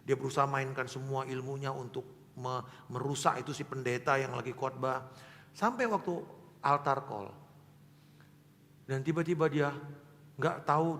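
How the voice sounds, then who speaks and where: A man preaching a sermon as a pastor, telling stories with shifts between loud emphasis and hushed asides. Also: medium pitch, fairly even intonation, moderate pace, pauses often, in a large hall. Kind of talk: sermon storytelling.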